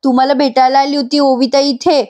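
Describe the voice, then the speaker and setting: A loyal male servant begs and worries aloud, as a woman narrator puts him on. The voice is pitched well up and pushes a little louder, anxious throughout. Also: level tone, a little fast, close to an everyday voice. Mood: pleading. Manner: pleading, anxious.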